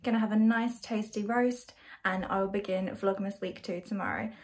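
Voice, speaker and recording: A woman's voice: medium pitch, steady tone, normal speed. A young woman vlogging in a casual, chatty way, walking through a recipe with plenty of ums. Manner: chatty, filler-heavy recipe talk; soft, quiet morning talk. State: tired morning voice. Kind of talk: casual vlog chat.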